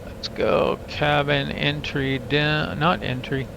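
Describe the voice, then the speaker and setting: A man's voice: fairly high pitch, slow, creaky. A man giving casual running commentary as he plays a flight simulator, muttering checklist items to himself in clipped phrases. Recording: steady aircraft hum behind voice.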